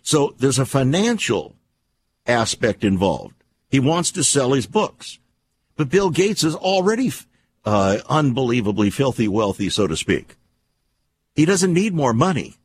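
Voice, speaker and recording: A male talk program host delivers a conspiratorial, alarmist opinion monologue. He takes his time, stretching out phrases with deliberate emphasis and repeating himself. His voice is husky and moves widely in pitch as he puts rhetorical questions to the listener. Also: big pitch swings.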